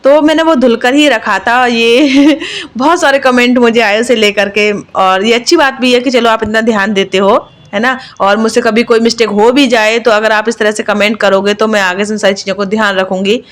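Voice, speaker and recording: A woman's voice: fairly high pitch, steady tone, moderate pace. A woman and mother narrating her own home vlog in a chatty, confiding voice-over, with lots of fillers. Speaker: vlogger, mother.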